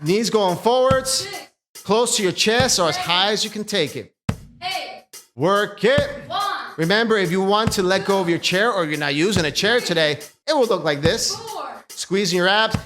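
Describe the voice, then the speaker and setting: A man's voice: high voice, normal speed. A man coaching a cardio kickboxing workout as an aerobics instructor, calling out cues and encouragement with energy. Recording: workout music behind the voice. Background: loud workout music.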